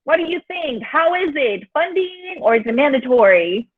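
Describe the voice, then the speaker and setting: Her high, sing-song voice moves at normal speed as this Mexican-accented woman from Mexico chats encouragingly through an online teaching workshop for teachers, using plenty of filler sounds. The video-call audio is tinny and dry, with no room sound.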